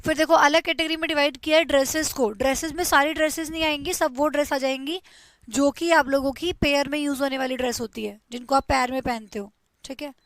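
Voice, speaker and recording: A woman's voice: high-pitched, fairly even intonation, fairly quick, fairly bright tone, dry recording. A young woman teaching English grammar in Hindi, explaining patiently and repeating each word for her students. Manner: explains patiently, repeats words, drills spellings. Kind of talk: Hindi-language grammar lesson.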